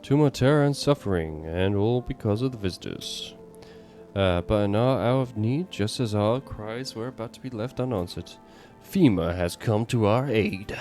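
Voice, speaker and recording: A man's voice: fairly low pitch, normal speed, a little mellow, faint music behind, lightly acted. Man reading a propaganda broadcast announcer. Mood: upbeat. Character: official emergency broadcast announcer, male.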